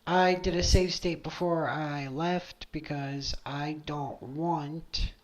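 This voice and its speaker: A woman's voice: deep voice, fairly even intonation, slow. A woman chatting casually as a stream host on a headset mic, insistent and repeating her points. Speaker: video creator and streamer, host. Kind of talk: casual livestream chat.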